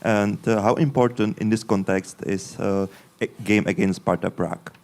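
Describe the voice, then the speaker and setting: A man's voice: on the low side, fairly even intonation, normal speed, gravelly, darkish tone. A man, a journalist at a press conference, asking a question politely and hesitantly, with many fillers.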